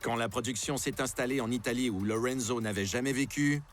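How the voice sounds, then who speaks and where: A man giving measured, slightly ironic scripted narration for a documentary. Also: mid-range voice, soft background music.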